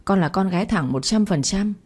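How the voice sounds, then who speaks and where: A woman's voice: mid-range voice, animated, a little fast, a little mellow, husky. A woman voicing a cheeky young woman gamer who protests defensively to her mother, in a storybook reading. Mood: protesting.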